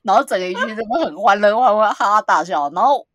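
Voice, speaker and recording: A woman telling a long, animated story on a podcast, acting out what people said and often laughing. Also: mid-range voice, fast talker, no echo. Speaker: podcast co-host. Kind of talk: casual storytelling chat.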